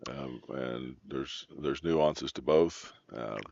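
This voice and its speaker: A man giving low-key golf commentary in a measured, understated manner. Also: creaky, a little mellow, no echo, dull audio.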